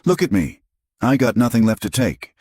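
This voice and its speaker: A man's voice: mid-range voice, sing-song, normal speed, darkish tone, husky, no echo, clean studio sound, voice pushed up. A man voicing a drunken, broke father in a western audiobook, slurred and whining.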